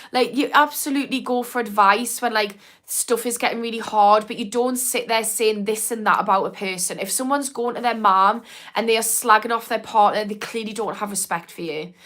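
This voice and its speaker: A former therapist now hosting a mindset livestream, this woman in her thirties from Newcastle, England, talks frankly and chattily, her speech filled with "like." She advises viewers and reads out their comments in a medium-pitched, fairly bright voice carrying a mild Newcastle accent.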